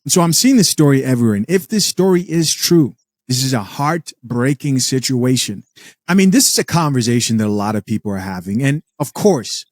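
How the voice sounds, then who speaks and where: A man in his thirties hosting a commentary show, talking straight to viewers in a measured way with rhetorical questions. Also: medium pitch, no echo, clean studio sound. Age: 30s. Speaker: host reacting to clips.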